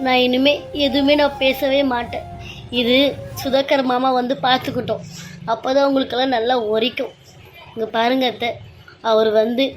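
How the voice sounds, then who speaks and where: A woman's voice: high-pitched, close to an everyday voice. A woman voicing a timid, tearful pregnant young daughter-in-law who pleads with her husband. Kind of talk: amateur serial-story voice acting.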